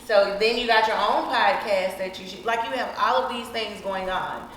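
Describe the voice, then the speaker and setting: A woman's voice: mid-range voice, moderate pace. A woman hosting a podcast, asking questions in a casual interview and affirming often. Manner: encouraging, asks questions with frequent affirmations. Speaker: podcast host. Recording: echoey room, faint noise.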